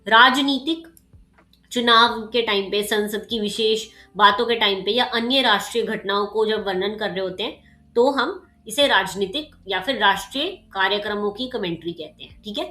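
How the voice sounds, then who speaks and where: A woman tutor, medium-pitched with a slightly sharp edge, lectures casually on exam material at normal speed, and the sound is reverberant. She grounds points in everyday examples while constantly asking "ठीक है" and "okay".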